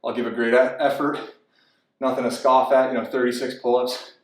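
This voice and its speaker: A man's voice: mid-range voice, little pitch movement, a little fast. A man talking casually between sets of a home workout, out of breath and candid. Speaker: fitness vlogger. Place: apartment home gym. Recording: roomy echo, from far off.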